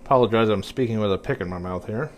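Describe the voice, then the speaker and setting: Relaxed man talking through guitar repairs. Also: on the low side, fast, a little hiss or hum. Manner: relaxed, talks while working, filler-heavy. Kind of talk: casual workshop narration.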